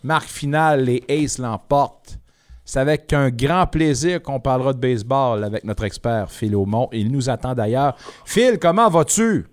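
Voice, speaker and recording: A man hosting a sports talk radio show, with a punchy, lively delivery. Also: medium pitch, normal speed.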